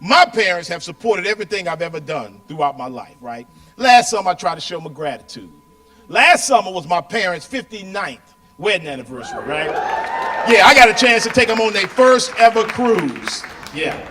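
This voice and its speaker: A man in his forties doing a stand-up comedy set, loud and punchy, throwing "right?" at the crowd in a live venue. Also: high voice, sing-song, moderate pace. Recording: echoey venue, mic from a distance, audience.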